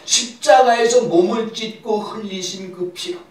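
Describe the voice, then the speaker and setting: A man's voice: high voice, a little slow, a little hiss or hum. A male pastor leading a Bible seminar sermon. He stresses and repeats key words and prompts the congregation to answer back. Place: church. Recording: distant echoey church recording.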